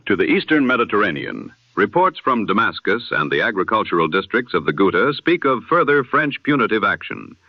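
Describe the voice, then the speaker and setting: Here a man with a lowish voice, recorded without room sound, reads a scripted news bulletin. His formal, solemn, rhetorical style imitates a 1920s radio announcer, and an old radio filter gives it a dull, lo-fi character.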